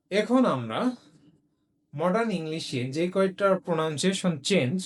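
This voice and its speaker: A man's voice: on the high side, echoey room. A man teaching letter sounds in a spoken lesson, repeating each sound several times for learners to copy. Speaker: English pronunciation teacher.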